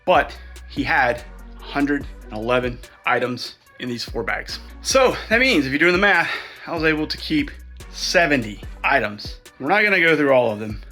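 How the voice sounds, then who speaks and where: A resale vlogger sorts through a heap of clothes, thinking aloud in chatty vlog commentary and sounding a little out of breath. His voice sits slightly high with big pitch swings, a bright, forceful tone and normal speed, and faint music plays in the background.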